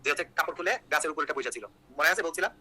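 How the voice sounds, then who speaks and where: A young man teaches an online exam-prep class at a rapid clip, joking as he goes and constantly checking that his students follow. His voice is bright and tense, a little higher than most men's, and he talks very fast. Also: breathy edge, rough recording. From Bangladesh. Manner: rapid, joking, repeats key points with "ঠিক আছে?".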